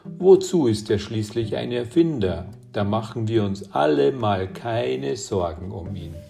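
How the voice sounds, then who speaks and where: A man's voice: lowish voice, animated, measured pace, gravelly, mellow, soft background music. A man voicing a bossy, confident girl who corrects others and brushes off worries. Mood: dismissive.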